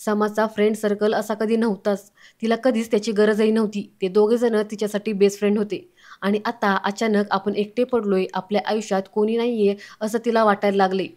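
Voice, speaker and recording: A woman's voice: medium pitch, little pitch movement, fairly quick, a little mellow, natural voice. A woman reading the lines of a protective, emotional adult woman in an earnest, pleading tone.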